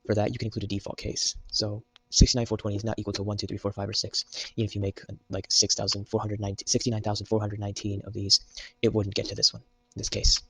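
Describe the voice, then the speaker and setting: A man's voice: lowish voice, completely flat delivery, fast talker, vocal fry, hardly any pauses, fairly bright tone, breathy edge, rough recording. A young man giving a casual, joke-filled programming tutorial while typing at his computer. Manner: jokey, meme-filled explaining. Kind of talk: casual screen-recorded coding tutorial.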